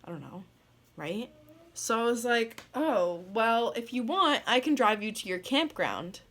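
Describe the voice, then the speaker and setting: A young woman from the northeastern US rambling through a story in a casual vlog, full of "like" and quick laughs. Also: fairly high pitch, expressive, a bit bright. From northeastern United States. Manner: rambling, lots of "like", laughs mid-sentence. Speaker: vlogger.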